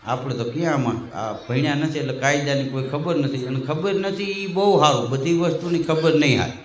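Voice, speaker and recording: A man's voice: on the high side, a little fast, a little hiss or hum. A man, a stand-up comedian telling jokes like a chatty storyteller at a live show. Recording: live stage show, audience laughter, roomy. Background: audience laughing.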